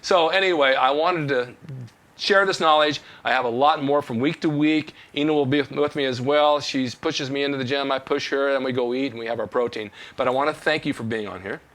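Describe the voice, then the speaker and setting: A man's voice: mid-range voice, brisk, a bit bright. An older man hosting a fitness talk show, telling folksy stories and giving motivational tips. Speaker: host. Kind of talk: casual chat.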